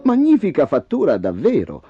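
A man's voice: fairly high pitch, huge pitch swings, moderate pace, slightly rough, faint music behind, full character voice. A man voicing an anxious old king who is easily swayed and emotional, in a dull lo-fi audiobook recording. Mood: admiring.

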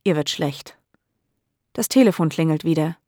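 A woman narrating a learners' audiobook in a clear, measured way. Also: sits low, animated, mellow, dry recording, studio quality.

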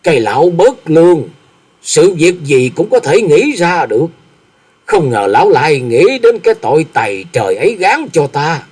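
Brief: male narrator doing a tearful, accusing wife in an audiobook, raised husky voice, slow, drawn-out lament. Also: on the high side, big pitch swings, warm tone, pitched above the performer's own voice. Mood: bitter lament. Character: distraught wronged middle-aged wife, bitter and indignant.

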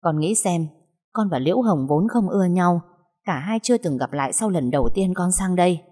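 Protective motherly old aunt played by a woman, low dark breathy voice, long reverb. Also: lively intonation, moderate pace. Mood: firm. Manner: soothing, then firm and scolding. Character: motherly older kitchen aunt, protective and blunt.

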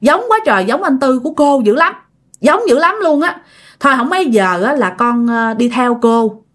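An earnest, insistent middle-aged neighbor woman speaks with a Southern Vietnamese accent in a spoken ghost story, voiced by a woman narrator. She stresses her words firmly, and her voice lifts a little high. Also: expressive, normal speed.

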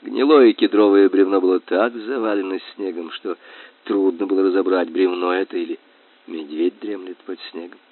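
A man narrating a children's story in an expressive, lively reading voice. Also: deep voice, normal speed, dry recording. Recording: tinny dry phone-like sound.

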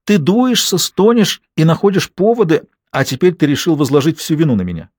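A man's voice: fairly high pitch, expressive, a little fast, breathy edge, dry recording, clean studio sound, voice pushed up. A man voicing an enraged middle-aged wife who hurls cutting, scornful words back at her husband.

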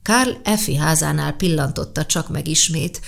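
A woman narrating an audiobook with an expressive, varied delivery. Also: deep voice. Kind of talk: scripted narration.

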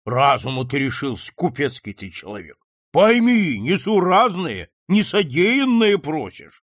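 A man's voice: on the high side, very animated, a little slow, dry recording, clean studio sound. A man reading an audiobook, voicing an exasperated older male captain who scolds a begging merchant. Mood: scolding. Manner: scolding, incredulous.

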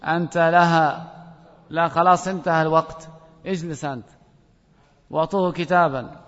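Guy teaching a grammar class, high voice, calls students up by name, muffled old recording with hall echo. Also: fairly even intonation, moderate pace.

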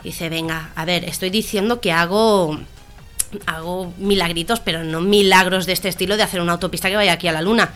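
Animated woman telling jokes. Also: lowish voice, fairly quick, soft background music. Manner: animated storyteller, voices the characters in her jokes. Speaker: radio comedy co-host. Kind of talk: casual joke telling.

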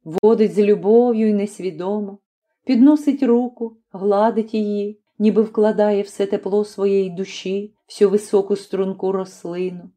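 A woman reading a classic story aloud as an audiobook narrator, in a measured and expressive way. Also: mid-range voice.

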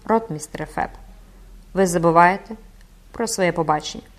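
A sinister cloaked stranger with a sepulchral, hushed voice, as a woman reader puts him on. He speaks low and coldly, with a menacing calm. This is a storybook audiobook reading. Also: moderate pace, lightly acted. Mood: grave, restrained. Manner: low, hushed, cold delivery. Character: brooding cloaked man, eerie phantom-like stranger.

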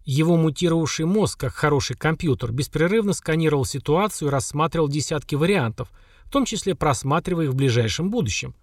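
A man reading a science-fiction audiobook in an even, measured storytelling voice. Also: a little high, no room sound, clean studio sound. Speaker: audiobook narrator. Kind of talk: scripted narration.

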